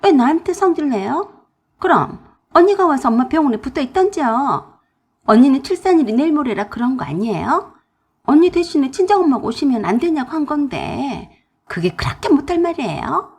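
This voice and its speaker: A woman's voice: high-pitched, big pitch swings, a little mellow, slightly rough, exaggerated voice. A woman voicing a selfish young sister-in-law who whines and flares up, in a radio drama. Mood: indignant, shrill. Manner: whiny, demanding, quick to flare.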